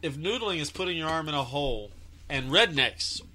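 A man's voice: on the high side, lively intonation, normal speed, pushed and bright. A man co-hosting a show, joking crudely and asking leading questions with frequent laughter. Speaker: podcast host. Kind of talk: crude casual banter.

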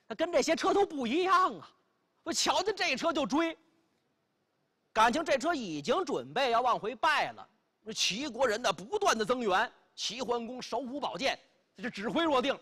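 A middle-aged man tells a tale in theatrical traditional storytelling style. His high, husky voice is emphatic and dramatic, swinging widely in pitch. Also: fairly bright tone. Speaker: pingshu storyteller. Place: television studio stage.

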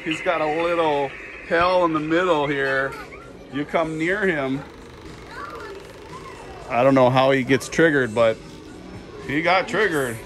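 A woman vlogging as a parent while walking through a large Halloween store, chatty and excitable, filming on a handheld phone. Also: sits low, slow, pauses often. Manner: excitable, chatty, lots of oohs and laughs. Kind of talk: casual walk-through vlog narration. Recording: loud store music behind.

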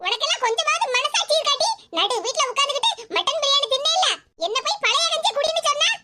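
A woman's voice: extremely high pitch, expressive, quick pace. A woman doing a grumbling hungry village mother. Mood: scolding. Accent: Kanyakumari Tamil. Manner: scolding, nagging, sulky. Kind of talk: comic village skit. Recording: loud background noise.

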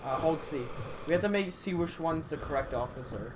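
A young man chatting crudely with friends while gaming, laughing a lot and yelling at the game. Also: a little high, animated, a little fast. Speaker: gamer on voice chat. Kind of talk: casual gaming banter. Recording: noisy game capture.

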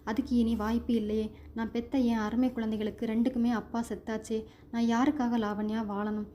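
A man's voice: very high voice, level tone, moderate pace, warm tone, slight background noise. A woman voicing a grieving male escaped convict who talks in a pleading, bitter way.

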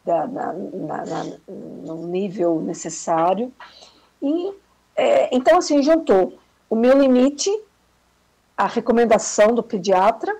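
A woman's voice: medium pitch, mellow, poor audio. A woman guest on a talk show, telling a reflective story about motherhood in a casual chat over a video call.

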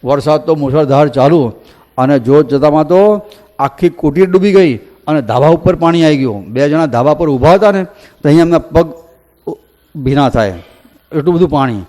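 A man telling a devotional story in a folksy, animated way, acting out the villagers' voices. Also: fairly high pitch, normal speed. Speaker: katha storyteller. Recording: echoey hall reverb.

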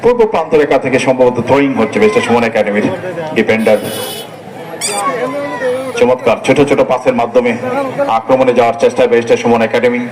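A man giving live play-by-play football commentary, breaking into frantic excitement when play heats up. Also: medium pitch, fast talker, pauses often. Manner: frantic, excited surges during attacks. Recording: crowd noise behind. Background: stadium crowd.

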